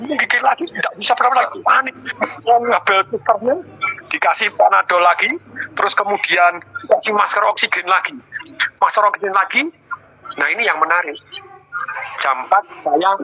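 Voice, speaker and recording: Speaking briskly in a high, breathy-edged voice, this middle-aged man, a business coach, recounts emotional stories with animation during an interview, exclaiming repeatedly. The recording is rough.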